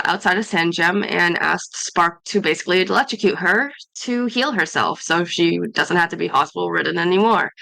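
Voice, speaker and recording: A woman's voice: on the low side, creaky, bright, forceful tone, no room sound, low-quality recording. A woman recapping her character's adventures from a tabletop game session at home, rambling with many fillers and self-corrections.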